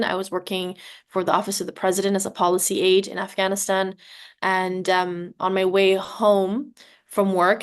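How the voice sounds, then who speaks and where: A woman, a tech company CEO, giving a conversational personal account on a webinar video call, with many ums and restarts. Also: medium pitch. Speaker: tech CEO, panel guest.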